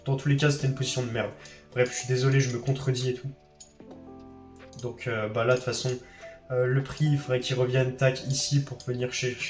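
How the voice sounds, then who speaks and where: A young man in his late teens chats loosely as he works through trading charts, full of fillers and self-mocking asides. His voice sits at an ordinary pitch and rings in a roomy space. Faint guitar music plays behind him. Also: a little mellow. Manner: rambling, self-deprecating, many fillers. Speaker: trading vlogger. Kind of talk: casual chat while backtesting charts.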